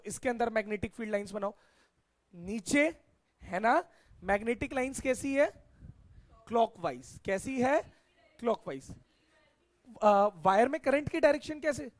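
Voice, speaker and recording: A middle-aged man teaching a science class, asking his students questions and repeating the key answers back to them. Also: very high voice.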